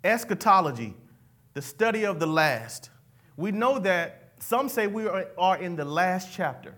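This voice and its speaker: A man preaches a sermon, pulling the congregation into call-and-response. His voice sits high and rings bright. He drops folksy asides between his lines. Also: animated, unhurried. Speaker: pastor.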